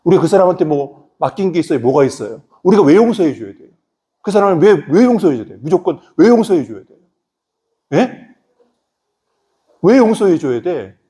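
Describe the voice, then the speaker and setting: A male pastor preaching a sermon in an animated way, constantly asking the congregation questions. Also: fairly high pitch, fast.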